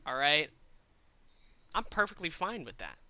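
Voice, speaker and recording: A man's voice: a little high, big pitch swings, a little slow, bright, forceful tone. A man chatting casually to his stream audience while playing a game, rambling and swearing freely. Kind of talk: live gaming stream chat.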